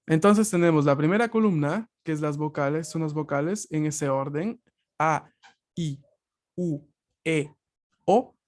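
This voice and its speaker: A male language teacher giving a patient, explanatory online class over a video call, often pausing to check that students follow. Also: high-pitched.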